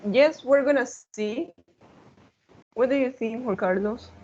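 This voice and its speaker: Slow, patient woman teacher on a call. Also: fairly high pitch, darkish tone. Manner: patient, models words and switches into Spanish to explain. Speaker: English teacher. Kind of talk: online class instruction. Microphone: video call. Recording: dull lo-fi call audio.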